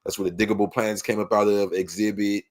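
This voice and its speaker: A fast-talking man with a fairly low pitch and little movement in it, he's from Los Angeles and carries the local accent. On a podcast he tells his story slangily and casually, dropping "you know what I mean" again and again.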